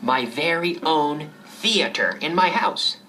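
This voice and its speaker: An eager, excited man talks himself into buying a projector, repeating his joy over and over, as a woman puts him on. His voice sits low, slow and unhurried, swinging widely in pitch. It's a role-play from an English lesson. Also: slight background noise, exaggerated voice. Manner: eager, repetitive, drawn-out.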